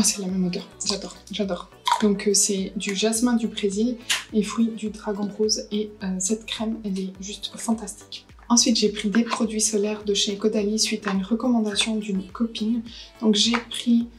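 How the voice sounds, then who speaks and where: Girl doing a beauty haul, casual chatter, lots of euh, soft music in the back. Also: medium pitch, level tone, moderate pace, poor audio. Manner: chatty, frequent hesitations, thinking aloud. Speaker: beauty vlogger. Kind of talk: casual haul and unboxing chat.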